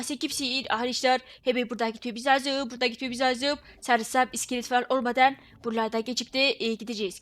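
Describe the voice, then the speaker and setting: A woman's voice: a little high, fairly bright tone. A woman giving casual, joking gameplay commentary, grumbling playfully as she talks to her viewers. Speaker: gaming video creator.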